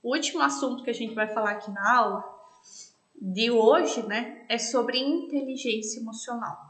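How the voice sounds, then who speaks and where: A woman's voice: fairly high pitch, moderate pace, fairly bright tone, echoey room. A woman teacher with a Brazilian accent from Paraná, giving a recorded class lecture in an explanatory way and often ending with "né?". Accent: Brazilian Portuguese, Paraná. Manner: explanatory, frequent tag questions "né?".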